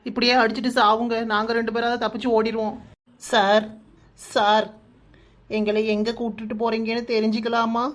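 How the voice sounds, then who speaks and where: A woman's voice: a little high, level tone, moderate pace, lightly acted. A woman voicing a brash young bride-to-be in a cartoon, with a Kanyakumari Tamil accent, hurling insults and wailing for help. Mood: scolding panicky. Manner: scolding, wailing, full of insults. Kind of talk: cartoon voice acting.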